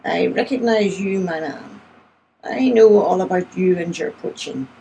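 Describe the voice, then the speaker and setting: A woman voicing an imperious, impatient upper-class landowner, brusque and demanding, raised in pitch and volume over her narrating voice. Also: measured pace, dark tone, dull audio, slight background noise.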